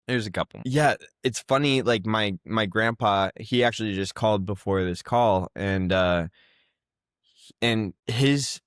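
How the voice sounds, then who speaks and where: A man's voice: fairly low pitch, no echo, clean studio sound. A young man in his twenties telling casual, rambling stories as a podcast co-host, with plenty of fillers. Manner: rambling storytelling with many fillers. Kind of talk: casual chat.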